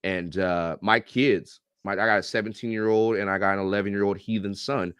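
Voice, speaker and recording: A middle-aged man, a YouTube reactor and coach appearing as a podcast guest, tells animated stories in a casual, joking and profane way. His voice is on the low side with a clean tone, and he talks a little fast. The recording is dry, with clean studio sound.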